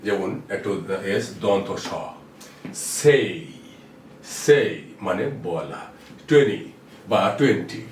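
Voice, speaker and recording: Slow-talking guy teaching english letters, repeats stuff, echoey room, mic kinda far off. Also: lowish voice, expressive, a little mellow. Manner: slow, patient explaining with repeated example words. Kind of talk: explaining English letter pronunciation. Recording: roomy echo, distant mic, faint noise.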